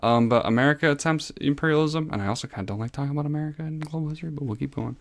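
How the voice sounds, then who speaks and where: A male history teacher gives a casual, rambling exam review from his room at home, easily sidetracked and poking fun at himself. He talks rapid-fire in a creaky, somewhat high voice into a desk microphone.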